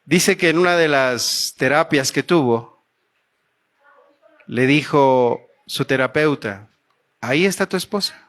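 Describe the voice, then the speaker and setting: A man's voice: medium pitch, animated, takes it slowly, pauses often, a bit bright. A man with a Mexican Spanish accent preaching a sermon in church, telling a story and putting earnest questions to the congregation.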